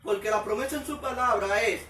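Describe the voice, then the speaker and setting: A man's voice: sits high, fairly quick, sharp tone, a little hiss or hum. A man preaching a sermon, asking the listeners one question after another. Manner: asks the listeners many questions. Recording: echoey room, mic at a distance.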